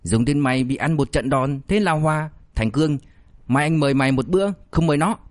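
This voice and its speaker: A man's voice: fairly high pitch, a little fast, no echo, natural voice. A man voicing a fat, cowardly male buddy who whines, pleads and turns cheeky. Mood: cheeky defiant.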